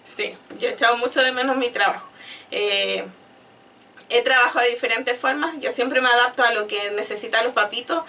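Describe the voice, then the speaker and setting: A woman's voice: on the high side, brisk, bright, forceful tone. A woman, a speech therapist, explaining patiently as an interview guest. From Chile. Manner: patient, explanatory, acts out child talk. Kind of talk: conversational explanation. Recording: voice from far off.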